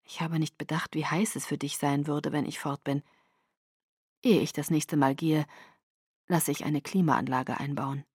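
A woman voicing a young male vampire in an audiobook, gentle and worried, speaking in a soft, hushed murmur. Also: sits low, fairly even intonation, normal speed, few pauses, husky, no echo, studio quality, pitched below the performer's own voice. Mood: hushed apologetic.

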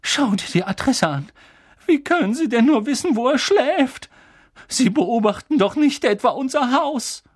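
A man voicing a shrill, nervous middle-aged aunt in a story reading. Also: big pitch swings, slow pace, few pauses, a bit bright, no room sound, clean studio sound, exaggerated voice. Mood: shrill, alarmed. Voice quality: shrill, trembling.

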